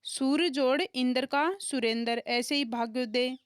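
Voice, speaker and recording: A woman teaching a lesson, talking slowly and deliberately. Her voice sits high and comes through smooth and clear. The recording is close and dry, with no room sound. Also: steady tone, no room sound. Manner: asks rhetorical questions and answers them, slow and deliberate. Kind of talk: explanatory grammar lesson.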